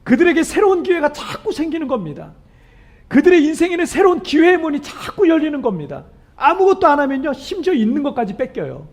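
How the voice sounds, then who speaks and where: Talking fast and with great animation, a male pastor preaches with emphatic sincerity and poses questions to the congregation. His hoarse, weakened voice cracks as it rises.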